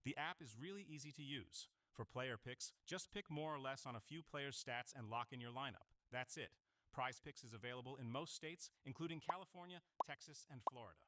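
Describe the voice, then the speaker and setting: A man reading an ad in a put-on smooth male announcer voice with polished, even delivery. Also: mid-range voice, a little fast, close to an everyday voice. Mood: promotional. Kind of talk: scripted ad read.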